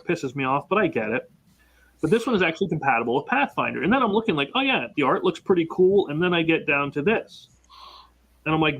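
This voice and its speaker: A man from Pennsylvania hosting a casual chat, relaxed and asking the group questions. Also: on the high side, low-quality recording. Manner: easygoing, asks the panel questions.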